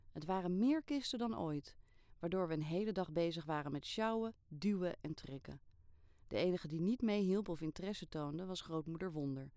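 A woman reading a first-person story aloud in a calm, steady way, with lively bursts in the dialogue. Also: low voice, no room sound, studio quality. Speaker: narrator.

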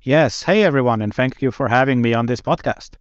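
A man from Slovenia, a podcast guest, talking in a relaxed way with fillers and restarts. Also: mid-range voice, brisk, no room sound, muffled recording. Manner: relaxed, with fillers and self-corrections. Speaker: guest, software engineering director. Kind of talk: casual podcast chat.

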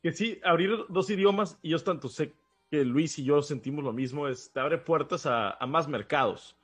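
A man's voice: fairly high pitch, moderate pace, a bit bright, breathy edge. A man from Baja California with a northern Mexican accent, talking casually as a podcast co-host. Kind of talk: casual conversational discussion.

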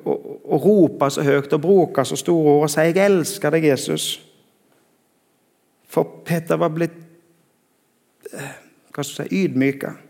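A middle-aged man delivers a sermon, his voice a little higher than most men's. He talks to the congregation in a conversational way and often stops to search for words. A long reverb trails after each phrase, as in a large hall. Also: creaky, a little mellow. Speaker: preacher.

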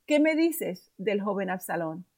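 A woman's voice: medium pitch, very animated, measured pace, a little mellow. A woman voicing an old king who mourns his son in a repeated, lamenting cry, read in a Bible storybook. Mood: anxious asking.

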